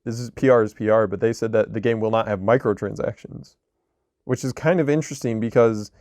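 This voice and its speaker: A man's voice: lowish voice, fairly even intonation, brisk, darkish tone, no echo. A man co-hosting a podcast, talking casually about video games in a rambling way full of restarts. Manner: rambling, lots of likes and restarts. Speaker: podcast co-host. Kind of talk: casual gaming chat.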